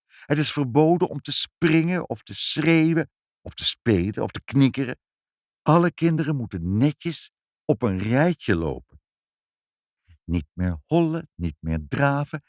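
A man's voice: medium pitch, no echo, clean studio sound, pitched above the performer's own voice. Een man die een mopperende, zuchtende vader speelt in een voorgelezen kinderverhaal. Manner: grumbling, exasperated. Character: gruff, sighing father in a storybook.

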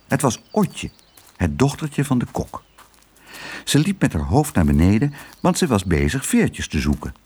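A man reads a storybook aloud. His voice is husky and swings widely in pitch as he reads. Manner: lively, expressive reading. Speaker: narrator. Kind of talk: storybook narration.

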